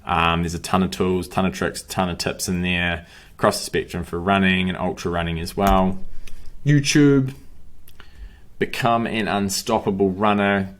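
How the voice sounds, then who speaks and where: A young man with a deep, slightly bright voice coaches runners and breathing, closing his course with upbeat, motivational short lines spoken to camera.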